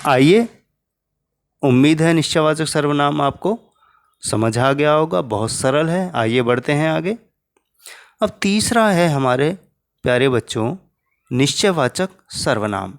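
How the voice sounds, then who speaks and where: A man's voice: a little high, lively intonation, unhurried. A man teaching a Hindi grammar lesson to children, patiently spelling out each example.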